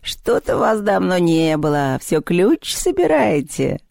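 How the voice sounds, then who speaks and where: A lazy, sarcastic tomcat from a storybook drawls every word slowly and teasingly, as the narrator puts him on. The tone is mellow and soft, and the recording is dry and close. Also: mid-range voice, big pitch swings, creaky, no echo, heavily acted. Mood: lazy, mocking. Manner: drawling, mocking. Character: lazy, sly talking male cat.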